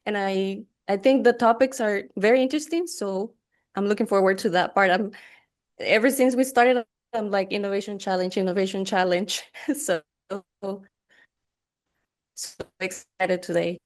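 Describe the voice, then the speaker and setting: A middle-aged Costa Rican woman, a guest at a conference, gives a conversational interview answer in a medium-pitched voice at a moderate pace. She is enthusiastic and chatty, and she laughs easily.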